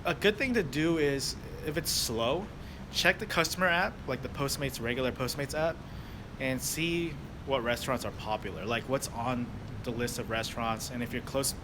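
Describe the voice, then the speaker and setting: A young delivery driver from the United States chats with livestream viewers, answering them loosely and with many fillers and restarts. He speaks in a mid-range voice at a moderate pace against a noisy outdoor backdrop of traffic and street sounds.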